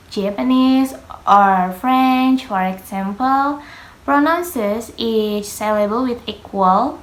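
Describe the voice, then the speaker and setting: In an echoey room, a young adult female student slowly gives a pronunciation lesson, her middle-pitched voice faltering with frequent fillers. A native Indonesian speaker, she makes small grammatical slips in English.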